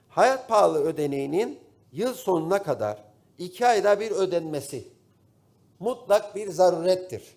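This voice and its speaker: A man with a Turkish Cypriot accent giving a formal speech to parliament from the rostrum microphone, pausing often with drawn-out fillers. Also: on the high side, darkish tone. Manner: formal, addresses colleagues, pauses with drawn-out fillers. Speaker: member of parliament. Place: parliament chamber. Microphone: podium microphone at the parliament rostrum.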